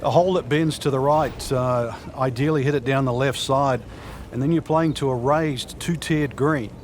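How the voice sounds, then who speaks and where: A man's voice: medium pitch, moderate pace, close to an everyday voice. A man acting as a golf commentator and analyst, explaining holes and shots in a conversational way. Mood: explanatory. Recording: noisy outdoor crowd ambience behind. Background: crowd, outdoor noise.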